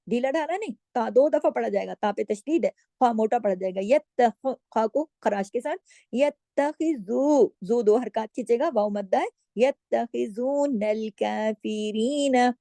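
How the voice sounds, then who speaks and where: A woman teaching Quran recitation rules to female students, explaining each letter patiently and drawing out the recited words slowly. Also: a little high, expressive, mellow, dry recording. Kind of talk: tajweed lesson.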